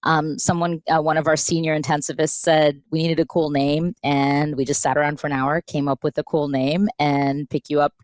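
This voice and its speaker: A woman with a low, deep-set voice talks through a podcast interview as a guest physician. She tells her story in a lively, animated way, slipping into quoted dialogue. The sound is dry and close, with no room behind her. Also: normal speed, few pauses, no room sound. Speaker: pediatric intensivist guest.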